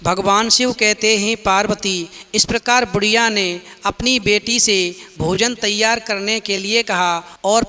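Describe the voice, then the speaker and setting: High, sharp-voiced male storyteller. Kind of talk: devotional story narration.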